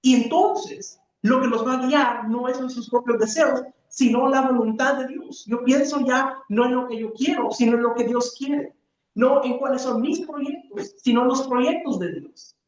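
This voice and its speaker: A woman preacher giving an earnest teaching sermon, often pausing on rhetorical questions. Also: high-pitched. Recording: echoey, distant, dull room recording.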